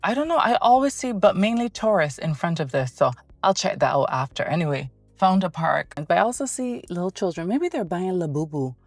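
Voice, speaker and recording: A woman's voice: fairly low pitch, very animated, fairly quick, few pauses, dry recording, faint music behind. A woman from Barbados, chatting casually on a handheld phone camera and asking her viewers questions as she runs errands. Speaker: vlogger. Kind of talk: casual vlog chat. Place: out and about in a city, car and shops.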